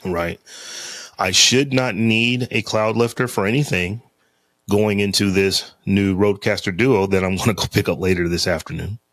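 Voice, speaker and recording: This podcast co-host has a deep, lowish, fairly bright voice, keeping a steady tone at a normal speed. His casual chat rambles and loops back, full of fillers and restarts. Recorded close on a studio mic through a podcast interface, the sound is dry with no room echo.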